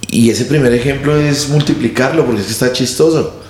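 A man's voice: mid-range voice, a little mellow. A man, a comedian host who jokes and breaks down how a joke works in casual podcast chat. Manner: quick, joking, explains joke structure. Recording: roomy podcast studio with faint noise.

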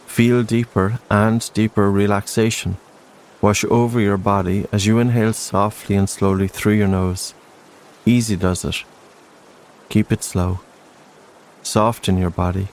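A man narrating a slow guided breathing meditation in a soft, soothing, unhurried way. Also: lowish voice. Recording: faint steady background noise. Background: soft green-noise ambience.

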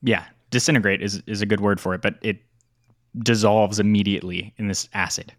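A man narrating a tabletop game as game master, describing scenes in an unhurried way. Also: fairly low pitch, steady tone, dry recording, studio quality.

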